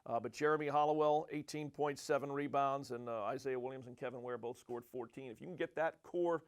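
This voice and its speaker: A man hosting a sports update show, introducing segments in a steady, conversational way. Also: medium pitch, fairly quick, clear, resonant tone.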